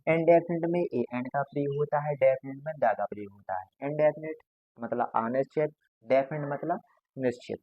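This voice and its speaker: A man's voice: mid-range voice, normal speed, no room sound, lo-fi sound. A man teaching a grammar class to students, patiently going over each point again and again. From India.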